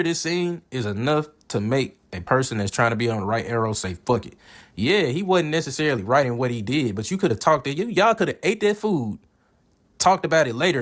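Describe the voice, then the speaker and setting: A man hosting a movie reaction, talking casually with blunt, profane opinions and laughing asides. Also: medium pitch.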